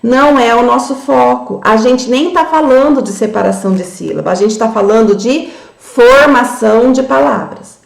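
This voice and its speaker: Brazilian woman, literacy trainer, slightly high voice, gravelly edge, spells out sounds slowly, echoey room. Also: lively intonation. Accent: Brazilian Portuguese. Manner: slow, syllable-by-syllable demonstration for young children. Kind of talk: teaching tutorial for teachers.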